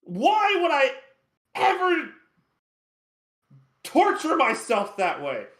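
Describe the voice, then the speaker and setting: A man's voice: extremely high pitch, huge pitch swings, slow, fairly bright tone, reverberant, voice pushed up, heavily acted. A man voicing Chard, a small, petulant male imp who whines and yelps in indignation. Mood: indignant. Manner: whiny and indignant, yelping.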